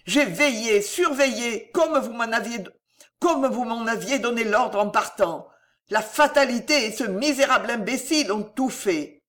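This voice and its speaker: A reader voicing a scheming old male steward who pleads and swears his devotion in a raised, effusive voice, pitched above the reader's own. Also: sing-song, moderate pace, fairly bright tone. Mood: anxious pleading. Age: older.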